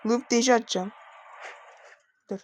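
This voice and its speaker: A woman's voice: a little high, steady tone, unhurried. A young woman streaming a game, complaining in exasperated, frustrated commentary and talking back to the game. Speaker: gamer streaming gameplay. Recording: loud background noise with clicks.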